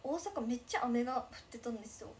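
A woman's voice: on the high side, expressive, fast, darkish tone, slight background noise. A woman in her twenties, speaking with a Nagasaki dialect, chatting casually on a livestream as she reads viewer comments, giggly and bubbly. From Japan, Nagasaki. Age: 20s. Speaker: idol livestreamer.

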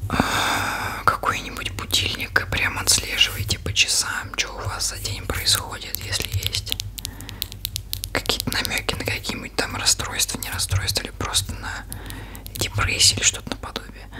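Whispering woman, casual ASMR. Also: moderate pace. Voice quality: soft unvoiced whisper. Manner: informal, loose, thinking aloud. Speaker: ASMR video creator. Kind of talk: ASMR, casual rambling show-and-tell.

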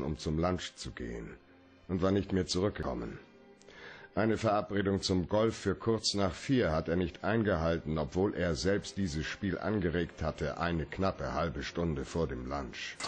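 In a German radio play, a male actor with a low-sitting voice plays a cool, cynical, shrewd private detective. His delivery is laconic and deadpan.

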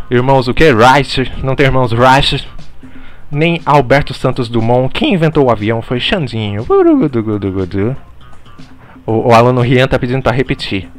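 A man playing a mock teacher in a parody online lecture, deadpan and mock-serious, swearing casually while talking over slides. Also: medium pitch.

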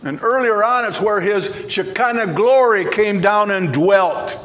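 A man's voice: sits high, a little slow, fairly bright tone. Emphatic man preaching a sermon. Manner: emphatic, repeats key words. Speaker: pastor. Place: church sanctuary.

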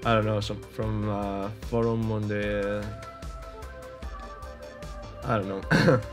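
This gaming YouTuber, a young man from Spain, speaks with a Spanish accent in a lowish voice, flat and slow. Music plays underneath as he gives loose, halting gameplay commentary packed with fillers and restarts.

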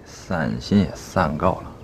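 Gruff soldier, low, gravelly, slow, faint outdoor noise. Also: male voice, animated. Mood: sly. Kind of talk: TV war drama acting.

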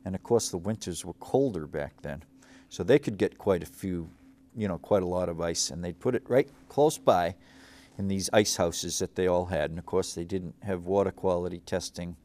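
Here a middle-aged local show host from Cape Cod, Massachusetts talks at a moderate pace in a low, dark voice. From behind a studio desk, he wanders through memories in a rambling history monologue packed with fillers and restarts.

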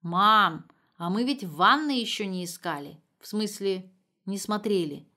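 A woman's voice: medium pitch, a little slow, pushed and bright. A woman voicing a practical grown daughter who talks in a level, matter-of-fact way.

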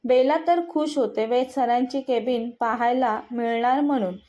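A woman's voice: a little high, steady tone, normal speed, warm tone, dull audio. A woman narrating a romantic story and reading every character in her own voice.

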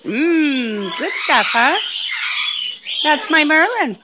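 A woman coos to her pet bird in slow, doting, sing-song baby talk, her voice climbing high. Loud background noise fills the recording, with a bird's chirps and clicks behind her. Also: lively intonation. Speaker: pet owner.

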